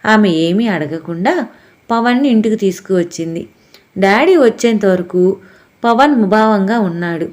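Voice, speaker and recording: A woman narrating a family audiobook story in a steady, expressive storytelling manner. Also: mid-range voice, moderate pace. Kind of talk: scripted narration.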